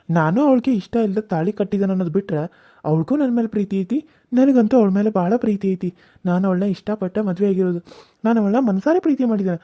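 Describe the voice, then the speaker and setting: A young village husband in a cartoon reasons with his mother and wife in a coaxing, mildly exasperated way, voiced by a woman. The voice is mellow and quick, recorded close and dry. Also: mid-range voice, no room sound, close to an everyday voice. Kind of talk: cartoon serial voice acting.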